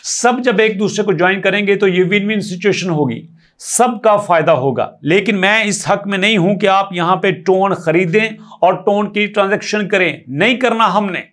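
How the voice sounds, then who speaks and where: A man's voice: high-pitched, fairly bright tone. A man talks viewers through a screen tutorial in a voice-over. He tallies numbers step by step, repeats his points and keeps urging them to listen closely. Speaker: crypto tutorial YouTuber.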